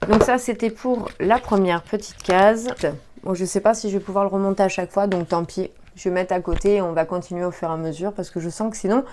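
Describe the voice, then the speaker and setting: A woman's voice: mid-range voice, steady tone, brisk, a little mellow, a little hiss or hum. A woman, chatting casually as she unboxes makeup, with frequent hesitations and fillers. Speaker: beauty vlogger.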